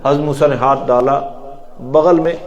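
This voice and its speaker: In a mosque, a middle-aged male preacher with a Pakistani Urdu accent gives a Quran lesson, shifting between loud, emphatic calls and quiet, low asides. He chants Arabic verses slowly and asks his listeners questions. His intonation stays fairly even, and the recording is lo-fi.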